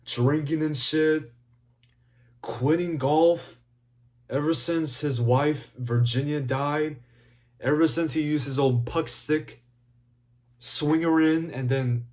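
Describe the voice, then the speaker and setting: A man rambling through a casual, profanity-laced movie review, swinging between excited and mumbling. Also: medium pitch. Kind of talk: casual video commentary.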